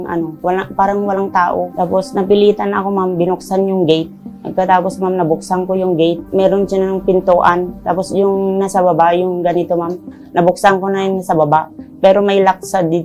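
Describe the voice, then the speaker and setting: A woman with a low, level voice recounts what she found, step by step. She stays flat in tone, stumbling over fillers and adding "ma'am" to almost every phrase, with faint music behind her. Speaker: witness recounting finding the victim.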